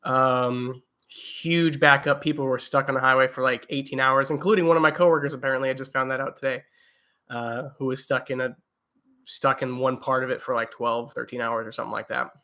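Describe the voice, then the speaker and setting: Young male streamer, bright voice, loose rambling delivery full of "uh"s. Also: mid-range voice, steady tone, a little fast. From eastern United States. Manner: rambling, lots of fillers and restarts. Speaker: livestream host. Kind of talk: casual live chat reading viewer comments. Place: home, indoors.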